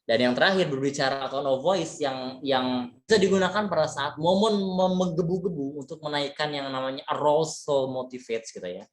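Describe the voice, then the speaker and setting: A man's voice: fairly high pitch, normal speed. Chatty man teaching in an echoey room. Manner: relaxed, chatty, frequent fillers and tag words; mixes in English terms. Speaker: leadership trainer. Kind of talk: casual webinar lecture.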